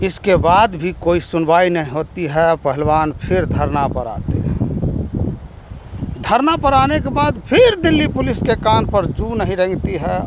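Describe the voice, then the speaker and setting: A man's voice: sits high, measured pace, noisy background. A man delivering an impassioned, indignant political monologue, full of rhetorical questions and long lists. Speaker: political commentator.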